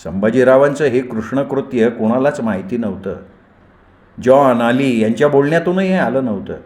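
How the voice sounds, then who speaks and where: A male storyteller reading a novel aloud in a dramatic, expressive way. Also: mid-range voice, moderate pace. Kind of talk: novel read aloud with character voices. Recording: roomy echoey recording.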